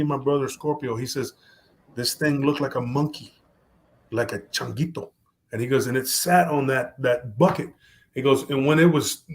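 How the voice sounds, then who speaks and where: A man telling a story on a podcast in a casual, animated way, mixing Spanish slang into his talk. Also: a little high. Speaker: podcast guest.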